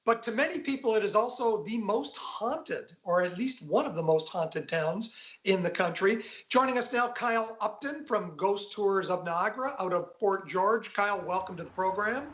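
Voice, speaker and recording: A man's voice: high-pitched, animated, moderate pace, a bit bright. A man hosting a broadcast interview, introducing and questioning a guest, on slightly lo-fi audio. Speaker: programme host, interviewer.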